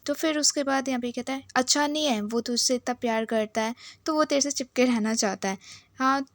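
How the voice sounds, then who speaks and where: Woman retelling a drama, higher voice. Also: fairly quick, no room sound, studio quality. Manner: retells the scenes and reads each character's dialogue in her own voice. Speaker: drama recap narrator.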